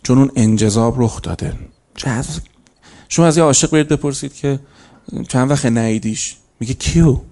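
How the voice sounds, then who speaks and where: A man's voice: medium pitch, mellow. A man giving a conversational religious lecture to a live audience, telling stories and breaking into emphatic bursts. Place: lecture hall.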